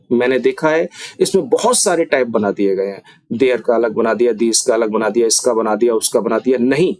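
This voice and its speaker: Animated Hindi-speaking grammar teacher, man. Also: a little high, no room sound. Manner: animated, emphatic, chatty with asides; says English example sentences slowly.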